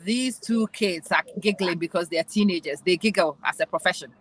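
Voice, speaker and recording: A woman's voice: lowish voice, brisk, a little hiss or hum, poor audio. A woman hosting a casual group book discussion, thinking aloud in a reflective, self-deprecating way. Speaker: book club host.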